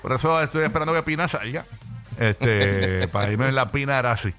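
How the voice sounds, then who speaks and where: A man's voice: medium pitch, a little fast, fairly bright tone, soft background music. A man hosting a casual morning radio chat, joking loosely and trailing off with fillers. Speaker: radio show host.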